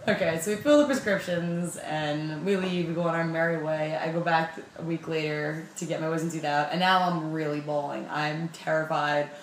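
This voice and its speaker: A young woman telling a personal story in a casual, animated, profane and self-mocking way. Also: sits low, normal speed, few pauses, a little hiss or hum. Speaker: vlogger. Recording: roomy with faint ambience.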